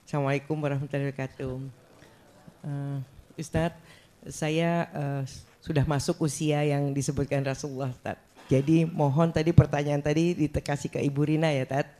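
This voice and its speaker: A woman in her sixties, a congregant, politely asking the preacher a question with hesitant pauses. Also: deep voice, level tone, mellow. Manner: hesitant, polite, many fillers.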